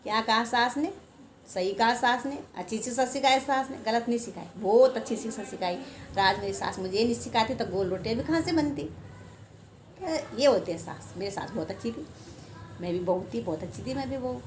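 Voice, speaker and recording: A woman's voice: a little high, normal speed, a little hiss or hum. An older woman chatting casually to her vlog viewers, rambling and self-deprecating. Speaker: home vlogger. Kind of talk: casual chat to camera.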